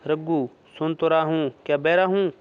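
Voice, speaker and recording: A man's voice: a little high, fairly even intonation, normal speed, clean tone, natural voice. A man voicing an irritable, troubled young village man in a read-aloud story. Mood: curt. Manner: terse, irritable. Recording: dull lo-fi recording.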